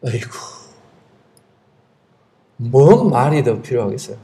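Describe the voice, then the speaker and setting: Emphatic, lively Korean pastor preaching. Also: male voice, a little high, brisk. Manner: emphatic preaching with rhetorical questions. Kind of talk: sermon. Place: church sanctuary.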